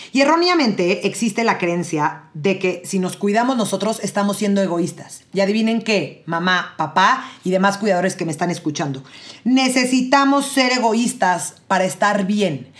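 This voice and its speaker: A woman hosting an episode on emotional parenting, speaking straight to the listeners and often checking in with them. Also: mid-range voice. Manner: addresses listeners directly, often ends with tag questions. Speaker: host and parenting educator. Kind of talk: educational talk to parents.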